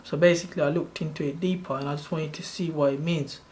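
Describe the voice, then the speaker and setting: A man in his thirties, from Sri Lanka, walking viewers through a tutorial on his screen. His voice sits a little high for a man and stays flat, with little rise and fall. He wanders off track and corrects himself mid-sentence, like someone chatting casually rather than reading a script. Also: fast talker. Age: 30s. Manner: loose, rambling explanation with self-corrections. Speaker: channel host.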